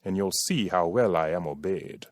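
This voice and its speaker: A man's voice: low-pitched, lively intonation, moderate pace, dry recording, clean studio sound. An actor playing a pompous old king of a tiny planet, commanding and sputtering in an audiobook drama.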